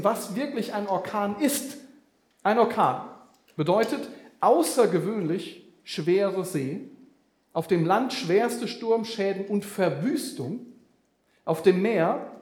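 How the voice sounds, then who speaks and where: A man's voice: sits high, roomy sound. A man preaching a sermon, speaking animatedly with vivid comparisons and addressing the listeners directly.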